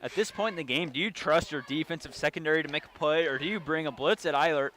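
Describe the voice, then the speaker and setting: Bright-voiced man calling football. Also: a little high, fast talker. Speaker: sports commentator. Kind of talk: live play-by-play commentary. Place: outdoor football stadium.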